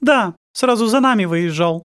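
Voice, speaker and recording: A male audiobook reader voicing a brisk, determined young woman. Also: sits high, lively intonation, a bit bright, pitched above the performer's own voice. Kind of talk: audiobook character voice.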